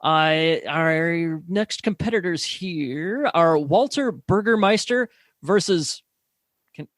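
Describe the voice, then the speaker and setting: A man doing mock play-by-play commentary, deadpan and full of hesitant fillers. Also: fairly high pitch, slow pace, no room sound, studio quality. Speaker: play-by-play announcer.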